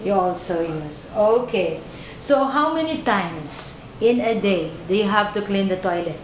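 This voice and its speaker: A woman's voice: medium pitch, expressive, measured pace. A woman interviewer who patiently rephrases questions. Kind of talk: job interview. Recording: dull roomy recording.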